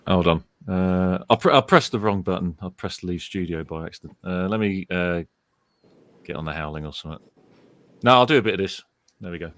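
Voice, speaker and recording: A man's voice: low-pitched, a little fast, fairly bright tone, no echo. British man joking on a call. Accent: British English. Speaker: stream guest. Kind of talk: casual chat.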